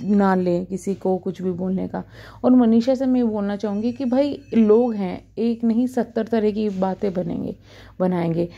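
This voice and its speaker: A woman in her thirties speaks straight to camera with earnest, scolding advice. Her voice is mellow and soft-edged, with a middle pitch. The recording sounds a little dull. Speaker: YouTube reaction vlogger. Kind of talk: talking to camera, commentary.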